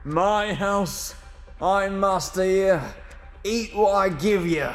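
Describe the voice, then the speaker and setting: A man voicing a mad, mushroom-drunk middle-aged male shopkeeper in an odd, slurred, slow booming voice. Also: very animated, breathy edge, faint music behind, full character voice. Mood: furious.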